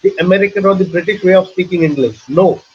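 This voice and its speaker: A man's voice: sits high, quick pace, slight background noise. A middle-aged man with an Indian accent, hosting a webinar and giving earnest advice, often restarting and repeating his points. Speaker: webinar host and trainer. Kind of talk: casual teaching talk in a webinar. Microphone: video call. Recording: muffled online call audio.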